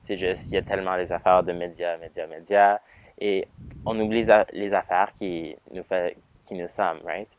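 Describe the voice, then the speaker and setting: Low-voiced Franco-Ontarian teen boy. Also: clean tone, dry recording. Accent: Franco-Ontarian French. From Ontario, Canada. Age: teens. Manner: hesitant, many fillers, mixes in English words. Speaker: student songwriter. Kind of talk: casual interview answers.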